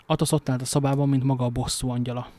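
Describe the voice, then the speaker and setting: A man's voice: medium pitch, flat delivery, a little mellow, no room sound. A man reading a novel aloud, stumbling now and then and adding casual joking asides. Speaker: amateur reader.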